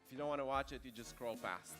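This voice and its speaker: Delivering a keynote with a Romanian accent, a man in his thirties talks fast in a medium-pitched, slightly bright voice while faint music plays behind him. He takes a conversational approach to the conference talk, dropping in fillers and dry wisecracks along the way.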